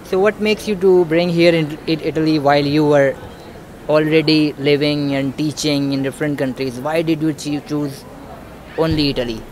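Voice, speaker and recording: A young man hosting an interview at an outdoor cafe on a town square, asking halting questions and often restarting them. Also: fairly high pitch, steady tone, darkish tone. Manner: halting, restarts his questions, brief backchannels. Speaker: podcast interviewer.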